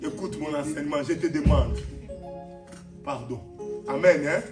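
A man with a Congolese French accent, preaching a sermon as a pastor, animated, breaking into shouts and laughing asides. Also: fairly high pitch, unhurried, recorded from a distance. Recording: echoey hall, off-mic, music behind.

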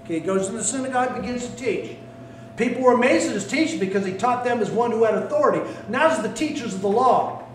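A male pastor preaching a sermon, animated and swinging between loud calls and hushed asides, recorded in a church sanctuary. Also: extremely high pitch, fast, a little hiss or hum. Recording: echoey room, mic at a distance.

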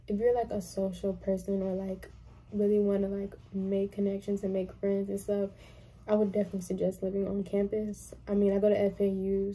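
A college student of about twenty chats casually to camera from a small bedroom, rambling with lots of fillers and restarts. The young woman's voice is medium-pitched, dark in tone, and husky.

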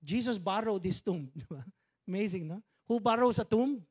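The voice is high, moderately paced and edged with breathiness: a Filipino pastor in his fifties giving a sermon on a dark-curtained church stage. He keeps it conversational, holds a handheld mic, and slips in humorous asides in Tagalog.

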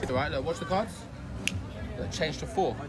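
A man's voice: fairly high pitch, moderate pace, over music. A man in his twenties performing street magic patter as a theatrical magician, showy, with short commands and exclamations. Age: 20s. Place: outdoors in streets, parks and beaches. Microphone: phone camera at about arm's length. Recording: noisy outdoor street, loud chatter and traffic.

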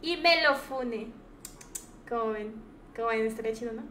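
Bright, high-voiced Mexican woman gamer. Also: moderate pace, slight background noise. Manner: chatty, jumps into shrill shrieking outbursts. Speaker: gaming streamer. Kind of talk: casual gameplay commentary.

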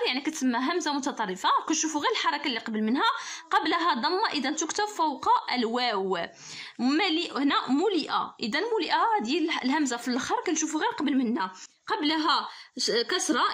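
Fast-talking woman teacher with Moroccan Arabic accent. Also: high voice, fairly bright tone. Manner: patient, explains rules step by step. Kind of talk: explaining a grammar test to pupils.

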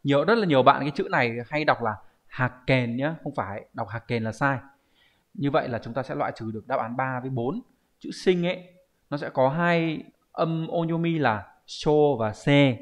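Speaking at a normal speed in an expressive, mid-range voice, a male Japanese teacher with a Vietnamese accent goes over exam answers in an online class. His style is explanatory, and he frequently pauses for rhetorical checks asking viewers to agree.

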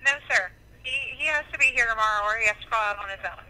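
Very bright-voiced woman on the phone. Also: a little high, fast. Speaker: restaurant employee answering the phone. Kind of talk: customer phone conversation. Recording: voice over a telephone line.

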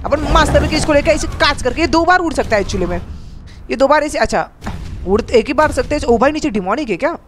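A man with commentates his game in an excitable, slangy rush, often repeating himself. His voice sits unusually high and is hoarse from a strained throat. A faint hum of ambience sits behind him. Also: fast. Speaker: gaming YouTuber host. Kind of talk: live gameplay commentary.

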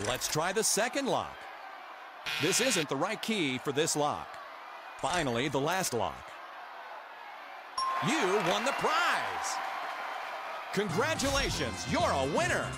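A man's voice: fairly high pitch, huge pitch swings, unhurried, over loud music, over a noisy crowd. A man playing an emphatic game show host who guides a contestant with scripted instructions and exclamations. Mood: upbeat. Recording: clear background game noise.

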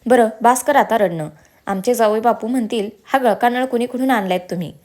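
A woman's voice: a little high, a little fast, a little mellow, lightly acted. A woman voicing a teasing, affectionate young man who plays the dramatic elder brother in a storybook reading.

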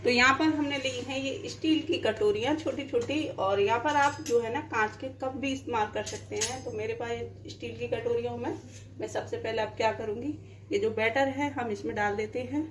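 A cooking channel host walks through a home cooking demo in her kitchen, explaining each step plainly and often saying "dekhiye." Her voice sits on the high side at a normal speed, with a little hiss or hum in the recording.

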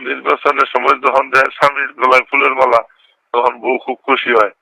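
On a recorded phone call, a middle-aged Bangladeshi man who is a local politician chats casually, repeating himself and frequently checking that he's understood. His mid-range voice is a little fast, creaky, pushed and bright, with little pitch movement and no echo.

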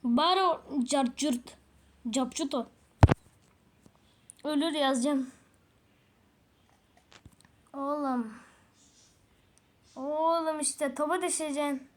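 A woman with a high, bright voice gives unhurried, casual commentary as she plays a game. She talks in a chatty, exclamatory way and laughs often, lingering over her words. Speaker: gaming channel host.

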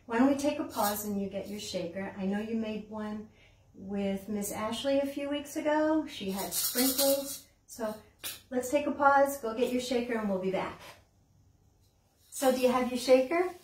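An older American woman runs a children's storytime at the library, with songs, puppets and a read-aloud. Her voice is on the high side and her speed normal as she asks simple questions to encourage young listeners. Expect background hiss and a distant, roomy sound.

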